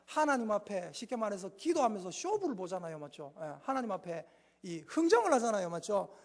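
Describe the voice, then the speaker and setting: Male pastor, Gyeongsang accent, folksy call-and-response preaching with lively swings in pitch, heard in a reverberant church sanctuary. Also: a little fast. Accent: Gyeongsang Korean. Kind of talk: Sunday afternoon sermon.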